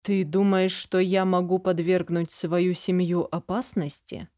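A woman voicing a stern, pompous dragon general and father, speaking in a calm, commanding, lofty manner. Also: on the low side, unhurried, no echo, clean studio sound, lightly acted. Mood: dismissive.

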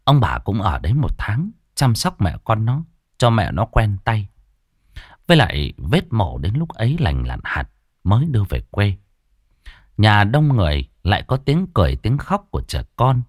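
A man narrating a ghost story in an expressive, animated storytelling manner. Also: a little slow, no room sound, clean studio sound. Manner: lively, expressive storytelling with big pitch swings.

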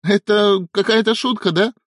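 A man's voice: high-pitched, steady tone, moderate pace, no echo, studio quality, voice pushed up. A man voicing a playful young woman who teases her partner, lifting his voice well above his own. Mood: amused. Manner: teasing, laughing.

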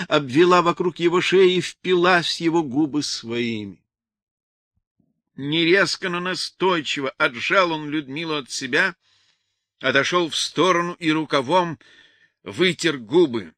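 A man narrating literary prose in an expressive audiobook reading. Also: a little high, no echo.

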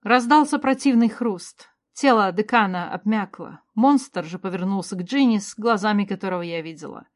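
A woman reading a first-person fantasy story aloud in a steady, clear voice. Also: mid-range voice, normal speed, few pauses. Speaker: narrator.

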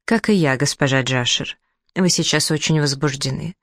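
A reader voicing a calm young male artist who gives reasonable advice. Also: mid-range voice, moderate pace, no room sound, clean studio sound, natural voice. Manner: calm, conciliatory.

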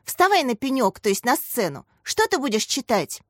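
A woman's voice: on the high side, very animated, normal speed, no echo, studio quality, pitched above the performer's own voice. A woman voicing an eager, heartfelt young female teacher who recites poetry with emotion. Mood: earnest. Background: faint music.

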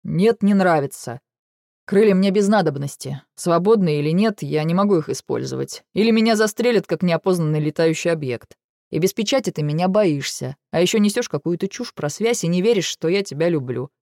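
A brooding male dragon with a stubborn streak and a calm, measured delivery, as a woman reads him in an audiobook. His voice sits a little low, mellow and soft-edged. The recording is dry and close. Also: no room sound. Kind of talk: audiobook character reading.

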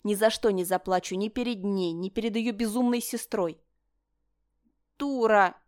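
A woman reading a novel aloud in first-person narration, with a quiet, measured delivery. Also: medium pitch, dry recording, studio quality. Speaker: audiobook reader.

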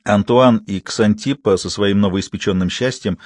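A man narrating an audiobook in an even, measured storytelling manner, close to the mic. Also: fairly low pitch, no echo. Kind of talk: scripted narration.

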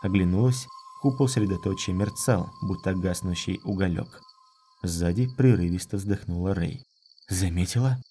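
A man narrating a fantasy audiobook in a measured, even reading. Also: deep voice, slight background noise. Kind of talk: scripted narration.

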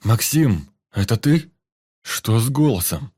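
A man's voice: medium pitch, expressive, slow pace, mellow, slightly rough, dry recording. A man reads a scared young patient, his voice rising and strained. The sound stays close and dry. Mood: frightened. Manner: anxious, pleading.

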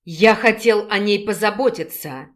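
A man's voice: high-pitched, a little slow, a bit bright. A woman voicing a sullen, mocking male werewolf who speaks curtly through his teeth, in an audiobook. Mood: sardonic.

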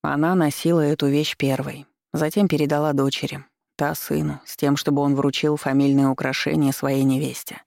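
An audiobook reader giving a steady first-person narration of a romance fantasy novel. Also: medium pitch, moderate pace, creaky, hardly any pauses, no echo, studio quality.

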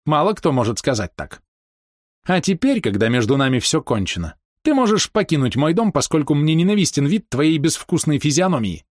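A man's voice: on the high side, big pitch swings, brisk, no echo, clean studio sound, pitched above the performer's own voice. Sneering cruel woman, as a male narrator puts her on. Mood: contemptuous. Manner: sneering, commanding. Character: cruel scheming woman, cold and contemptuous.

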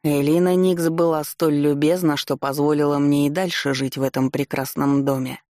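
A man's voice: on the high side, level tone, normal speed, darkish tone, dry recording, clean studio sound, natural voice. A reader voicing a mocking aristocratic man with a lightly sneering manner, in an audiobook.

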